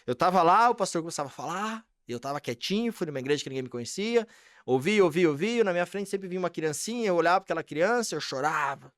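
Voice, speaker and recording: Male podcast guest, rapid emotional storyteller, quick to voice the people in his story. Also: high-pitched, expressive, fairly bright tone, no echo, clean studio sound. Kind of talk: personal testimony storytelling.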